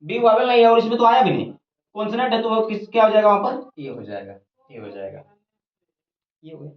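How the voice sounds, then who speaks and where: Lively-pitched tutor teaching grammar step by step, in an echoey room on dull, lo-fi audio. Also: a little fast. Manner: repeats each point, asks questions and answers them. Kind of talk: whiteboard grammar lesson. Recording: roomy, dull lo-fi recording.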